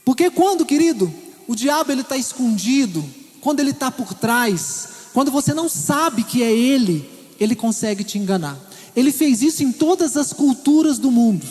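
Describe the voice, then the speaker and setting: A man's voice: very high-pitched, lively intonation, moderate pace, a little mellow. A Brazilian man from Minas Gerais preaching a sermon as pastor, in a chatty style that keeps checking in with his listeners. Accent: Brazilian Portuguese, Minas Gerais. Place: church hall. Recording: echoey church hall.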